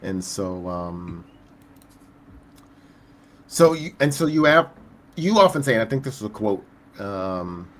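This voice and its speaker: Curious low-voiced male host. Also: big pitch swings, takes it slowly, pauses often. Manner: curious, thinks aloud with fillers. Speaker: podcast host. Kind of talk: conversational interview.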